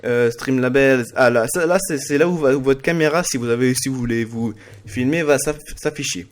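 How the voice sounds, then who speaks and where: A man hosting a casual screen-recorded software tutorial, talking haltingly with many fillers and restarts as he narrates his clicks. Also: medium pitch, a little hiss or hum. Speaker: streaming tutorial host.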